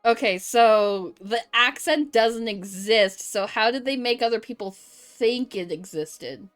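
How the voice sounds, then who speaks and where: A woman's voice: fairly high pitch, takes it slowly, faint music behind. A woman streamer chatting casually with her viewers, reading chat aloud, joking and laughing often.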